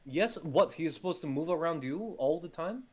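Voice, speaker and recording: A man's voice: on the high side, expressive, a little fast, darkish tone. A man playing a tabletop game, teasing and arguing in character. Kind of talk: casual in-character banter.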